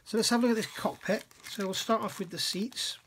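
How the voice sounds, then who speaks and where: Middle-aged brit chatting over a model kit at his bench, wonders aloud, kinda high voice. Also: a little fast, noisy background. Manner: musing, self-questioning, admiring. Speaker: scale model reviewer. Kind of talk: casual hands-on kit review. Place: workbench indoors.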